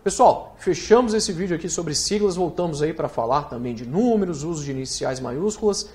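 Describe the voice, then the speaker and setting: A Brazilian man teaching writing in an online course, talking straight to the student with rhetorical questions and spelling acronyms out slowly letter by letter. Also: on the high side, animated, a little mellow. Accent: Brazilian Portuguese. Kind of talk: recorded online lesson.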